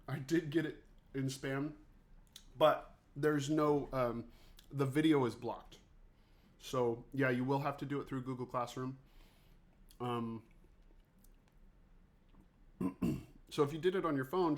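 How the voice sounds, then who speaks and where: Chatty male music teacher on stream. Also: mid-range voice. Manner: chatty, joking, talks to viewers by name. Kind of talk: casual livestream office hours.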